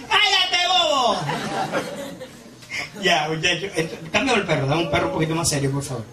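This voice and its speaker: A man with a Cuban accent telling a stand-up comedy routine in an animated way, often breaking into squealing character voices. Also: fairly high pitch, fast. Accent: Cuban Spanish. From Cuba. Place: comedy stage before a live audience. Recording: roomy live stage sound from far off, loud crowd. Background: audience laughter.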